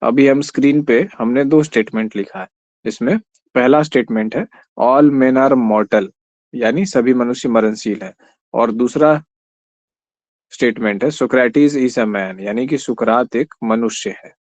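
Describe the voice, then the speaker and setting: A man's voice: medium pitch, unhurried, a little mellow, no echo. A man teaching an online exam-prep class. He explains step by step, quizzes his students, and mixes English terms into his speech. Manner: explains step by step, quizzes students, often says "theek hai". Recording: slightly dull lo-fi recording.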